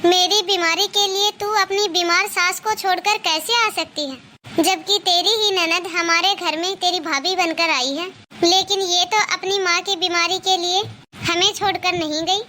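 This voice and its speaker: A woman doing a soft-spoken ailing mother from a cartoon story, high bright voice, pleading. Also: fairly even intonation, measured pace, a little hiss or hum, exaggerated voice. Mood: gently scolding. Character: older mother, gentle and ailing.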